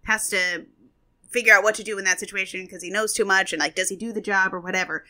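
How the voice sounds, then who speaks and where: A woman's voice: mid-range voice, steady tone, quick pace, sharp tone. A young woman co-hosting a podcast in casual chat, talking with many fillers and restarts. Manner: chatty, filler-heavy, lots of restarts. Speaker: podcast co-host.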